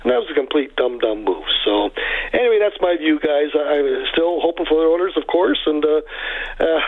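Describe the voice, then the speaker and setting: A man's voice: a little high, lively intonation, brisk, dry recording. A Canadian man calling a sports radio show, giving casual opinions with emphatic exasperation over the phone. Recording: thin phone line on radio.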